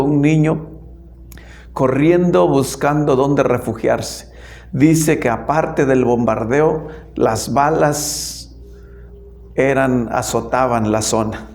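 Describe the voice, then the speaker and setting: A man, a lay pastor, preaching a sermon in a church, telling stories with emphatic swings between loud and soft. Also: on the high side, echoey room.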